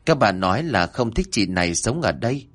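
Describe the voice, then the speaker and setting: A man's voice: lowish voice, big pitch swings, fairly quick, fairly bright tone, breathy edge, exaggerated voice. A man voicing a timid, haunted young boy who stammers hesitantly in a ghost story.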